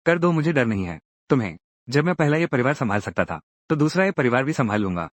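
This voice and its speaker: A man's voice: medium pitch, very animated, fast talker, no room sound, close to an everyday voice. A man voicing a cool, fearless young hero. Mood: defiant. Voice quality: cool, unshaken. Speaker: dub actor. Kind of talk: Hindi dub of a drama series.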